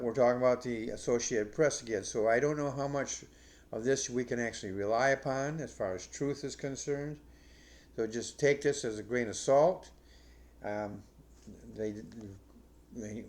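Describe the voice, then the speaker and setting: A man's voice: medium pitch, darkish tone. A middle-aged man from the United States hosting a news commentary podcast, rambling with many fillers and restarts. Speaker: podcast host.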